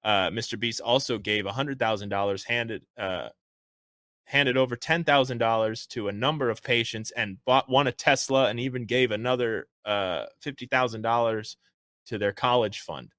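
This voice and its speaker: A man hosts a political talk show with a punchy, opinionated delivery. He mixes commentary with a jokey streak. His medium-pitched voice comes through in a dry recording with very little room sound. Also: moderate pace, a bit bright, no echo. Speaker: show host.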